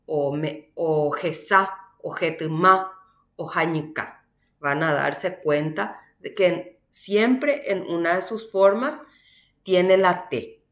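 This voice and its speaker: A woman teacher from Paraguay giving a university language class, explaining slowly and often checking with "¿verdad?". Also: fairly low pitch, echoey room. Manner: slow, explanatory, frequent "¿verdad?" tags. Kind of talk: online class lecture.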